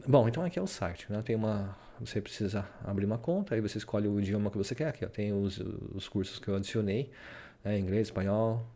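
A man from Brazil chats in an unhurried, rambling way, often tacking a questioning tag onto his sentences. His voice sits fairly low and has a dark, mellow tone. It sounds like a casual screen-share video. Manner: rambling, full of "né?" tags. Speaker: vlogger.

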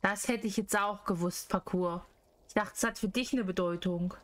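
A woman's voice: mid-range voice, fairly even intonation, moderate pace. A woman commenting casually on a game as a streamer, in a cute, playful, exclamatory anime streamer manner. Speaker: VTuber streamer.

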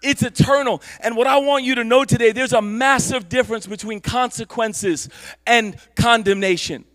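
A male pastor giving a Sunday church sermon, preaching with passion that builds to shouts. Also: extremely high pitch, moderate pace. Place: church service.

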